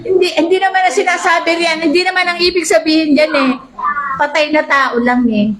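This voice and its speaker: A woman preacher giving a lively sermon, reading Bible verses and often asking the congregation "di ba?". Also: extremely high pitch, brisk. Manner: asks the congregation "di ba?" often, animated. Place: church hall. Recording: echoey church hall.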